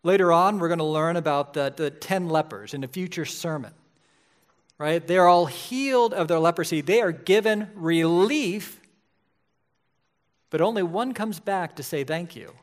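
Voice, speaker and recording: A man's voice: fairly high pitch, moderate pace. A man in his forties preaching a sermon in a conversational way, often checking in with "right?". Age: 40s. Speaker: pastor.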